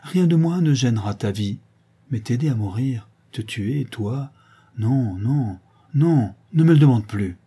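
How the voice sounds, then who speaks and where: A man's voice: medium pitch, expressive, unhurried, mellow, breathy edge. A man reading aloud voices a desperate young lover, speaking in an impassioned, pleading way.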